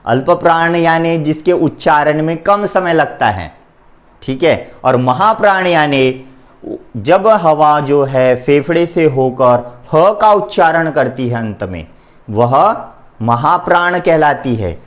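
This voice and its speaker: A male teacher leads a Hindi grammar lesson in a slow, drawn-out way. His voice sits a little high, and he names the letters one by one and addresses his students directly. He often has them repeat after him. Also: animated. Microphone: recording for an online lesson.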